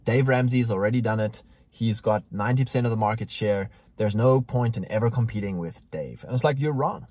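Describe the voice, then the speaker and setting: Husky-voiced man, emphatic and preachy. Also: on the low side, fairly quick, hardly any pauses, darkish tone, dry recording. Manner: emphatic, preachy, gets heated. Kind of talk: casual conversation.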